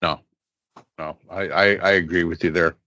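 A man co-hosting a podcast, chatting casually and getting animated as he retells stories. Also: low voice, normal speed, dry recording, highs cut off. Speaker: podcast co-host. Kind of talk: casual political chat.

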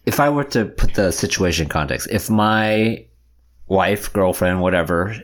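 A man's voice: low-pitched, normal speed. A man as a guest in a casual chat, giving dry, wry short replies. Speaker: podcast guest.

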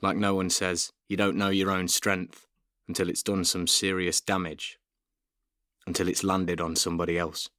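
A low-voiced man with a softened East Midlands accent performs spoken-word poetry. His delivery is forceful and very clearly articulated, recorded close and dry. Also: flat delivery, normal speed, no room sound. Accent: softened East Midlands English. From Nottingham, England. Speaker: poet and actor. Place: housemates' bedroom, quiet indoors.

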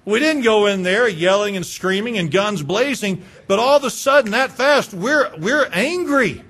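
A man with a fairly high voice preaches a sermon as a pastor. He keeps asking his listeners rhetorical questions and repeats words as he drives each point home. His delivery drops to hushed lines and then rises again. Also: lively intonation, moderate pace. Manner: swings between hushed lines and raised ones.

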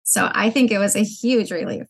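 A woman's voice: medium pitch, normal speed, gravelly. A woman founder answering interview questions in an earnest, reflective way. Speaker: guest, business founder.

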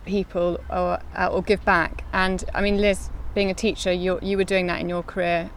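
A young woman hosts an interview, asking gentle and curious questions. There is some gravel in her voice. She is outdoors in a garden, with a faint hiss of background noise. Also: fairly low pitch, level tone, moderate pace. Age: young adult. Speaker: podcast host.

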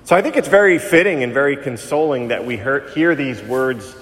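A man's voice: mid-range voice, lively intonation, a bit bright. Male priest in a cathedral-like echo. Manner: solemn, measured delivery with deliberate phrasing. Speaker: priest giving Gospel reading and homily. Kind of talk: liturgical scripture reading and sermon. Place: large reverberant church. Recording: long cathedral-like echo of church hall.

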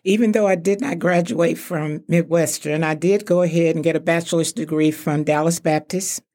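A woman's voice: low voice, fairly even intonation, moderate pace, warm tone. An older woman from Texas, a retired executive, answering interview questions graciously. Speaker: interview guest.

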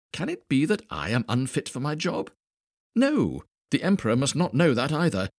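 A man's voice: medium pitch, husky, dry recording, clean studio sound, voice pushed up, exaggerated voice. A man voicing a flustered old royal wise man who wavers and stammers in a storybook reading.

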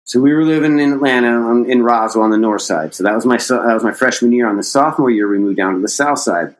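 A man's voice: medium pitch, fast, rough recording. A middle-aged man from the United States telling a long personal story in a casual, rambling way, with restarts and casual swearing. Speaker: podcast guest, skateboarder.

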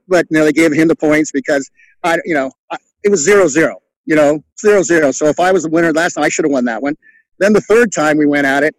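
Fast-talking middle-aged man, rambling stories. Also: a little high, dry recording, low-quality recording. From California. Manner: rambling, lots of "you know", acts out quotes. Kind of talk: casual storytelling interview.

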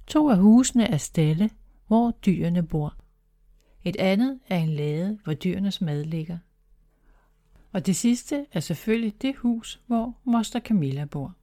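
Woman, children's story narration, calm and clear, mellow tone, mid pitch.

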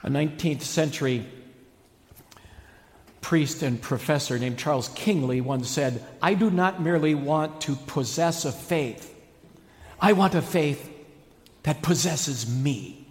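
Male pastor, high-pitched, preaching with theatrical emphasis and drawn-out key words in a long-reverb church hall. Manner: dramatic emphatic delivery with stretched key words. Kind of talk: sermon.

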